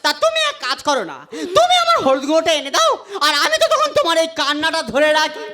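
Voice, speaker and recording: A woman's voice: very high voice, very animated, fast talker. A woman playing a silly, dramatic young village daughter-in-law in a comic folk play, with theatrical wailing. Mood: sly. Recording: loud folk music behind.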